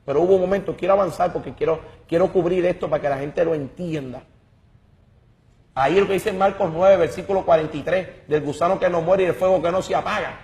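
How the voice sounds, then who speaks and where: Fervent man, high voice. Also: quick pace, a little mellow. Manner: emphatic and dramatic, repeats words while searching. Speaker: guest giving a testimony. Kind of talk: impassioned religious testimony.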